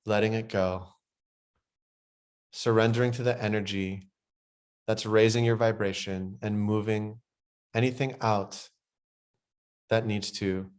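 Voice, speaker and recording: A man leading a guided breathwork meditation, speaking slow, soothing instructions that grow softer and quieter in the relaxation passages. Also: fairly low pitch.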